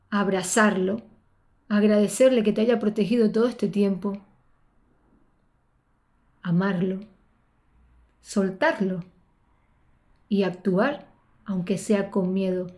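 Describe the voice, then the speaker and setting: Expressive Spanish-accented woman coach. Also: mid-range voice, slow, pauses often. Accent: Spain Spanish. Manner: expressive, repeats words for emphasis. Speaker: spiritual guide and coach. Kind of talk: motivational storytelling.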